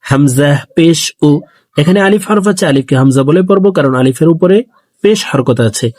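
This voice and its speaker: A man teaching Quran reading, slowly chanting letter drills and then briefly explaining pronunciation in a teaching tone. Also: a little high, lively intonation, a little mellow, no echo. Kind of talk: slow drilled recitation lesson.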